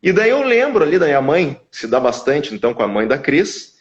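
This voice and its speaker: A man's voice: on the high side, sing-song, a little fast. A man, a guest from a language school, explaining at length in casual live-stream conversation with frequent restarts. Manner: explanatory, restarts with repeated words. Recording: dull lo-fi audio.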